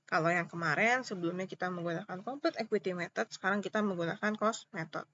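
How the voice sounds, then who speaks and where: An accounting lecturer with an Indonesian accent gives an informal step-by-step tutorial, repeating points and checking understanding with short questions. She talks fast in a fairly low, slightly bright voice, with the highs cut off.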